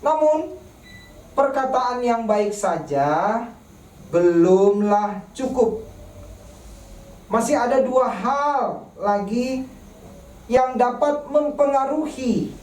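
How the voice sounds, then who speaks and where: A woman preaching a sermon in church, speaking slowly and deliberately and asking rhetorical questions of the congregation. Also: a little high, animated, darkish tone. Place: church service broadcast online. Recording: echoey church room, mic at a distance.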